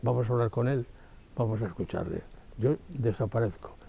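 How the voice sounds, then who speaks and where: Male presenter, gravelly and dark, leisurely delivery with fillers. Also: mid-range voice, lively intonation, brisk, a little hiss or hum. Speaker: TV program host. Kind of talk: studio presentation.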